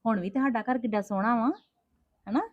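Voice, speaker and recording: A woman's voice: on the high side, no echo, narrow, tinny audio, natural voice. A woman playing a strict but loving mother who scolds and coaxes her daughters in a family drama. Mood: soothing. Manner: quick, scolding, then coaxing. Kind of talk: homemade family drama acting.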